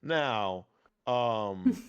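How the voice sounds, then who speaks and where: Animated man rambling in lo-fi audio. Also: on the low side, drawn-out words, smooth. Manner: animated, rambling with many fillers and restarts. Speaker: podcast guest, miniature painter. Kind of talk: casual conversational interview.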